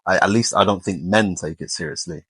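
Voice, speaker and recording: A man's voice: low-pitched, a little fast, a bit bright, husky, dry recording. A man, talking casually and colloquially as a podcast co-host, giving his opinions.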